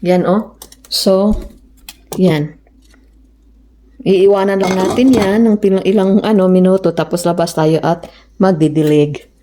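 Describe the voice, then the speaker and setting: A woman's voice: medium pitch, steady tone, takes it slowly, pauses often, dark tone. Woman from the Philippines, casual cooking vlog chat, laughs a lot, roomy echo, faint background noise. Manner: chatty storyteller, laughs often. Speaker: vlogger. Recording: echoey room, mic at a distance.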